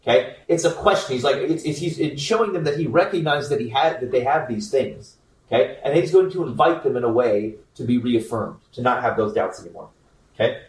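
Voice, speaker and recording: A man's voice: mid-range voice, fairly quick, distant mic. A man giving a conversational Bible teaching to a group, informal and joking, often checking in with "okay?". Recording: echoey room, speaker away from the mic.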